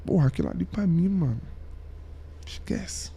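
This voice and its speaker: A young man with a fairly high, mellow voice, telling a personal story on a podcast. His talk is slangy and heartfelt, and it sinks almost to a whisper at the tender moments. The delivery feels like an unscripted chat among friends. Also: lively intonation, normal speed, creaky, slightly rough. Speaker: podcast guest, saxophonist. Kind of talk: emotional storytelling in casual chat.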